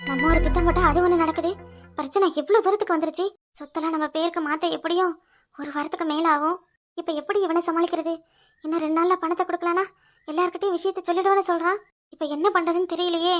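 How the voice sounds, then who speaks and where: A sly, panicky young wife in a cartoon, flustered and shrill in a Kanyakumari Tamil accent. The voice is very high, and the words come fast. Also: female voice, fairly even intonation, soft background music. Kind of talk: cartoon voice acting.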